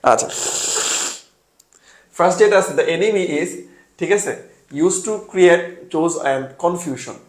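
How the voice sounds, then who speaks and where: A young Bangladeshi man with a high-pitched voice speaks slowly and pauses often, his voice echoing in the room. Leading a casual online exam-solving class for an admission test, he asks questions, answers them himself, and mixes in English words.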